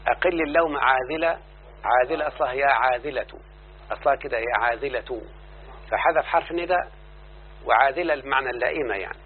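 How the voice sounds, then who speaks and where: A man's voice: medium pitch, fast, long pauses, a little hiss or hum. Egyptian man teaching grammar, tinny recording. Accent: Egyptian Arabic. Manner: explains then checks the class with repeated questions. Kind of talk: classroom grammar lesson.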